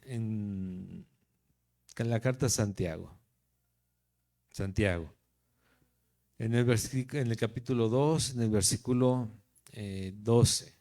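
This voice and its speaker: Speaking slowly with long pauses, this man has a fairly low, mellow voice and the Mexican Spanish accent of Guadalajara, Jalisco, Mexico. He is a pastor teaching the Bible verse by verse in a conversational manner, often checking in with his listeners.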